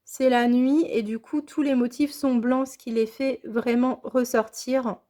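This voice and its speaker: A high-voiced woman talks through her unboxing in a relaxed, chatty way. She gushes with enthusiasm and keeps coming back to the same words of praise. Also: unhurried. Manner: enthusiastic, gushing, repeats praise. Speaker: scrapbooking vlogger. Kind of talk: casual unboxing chat.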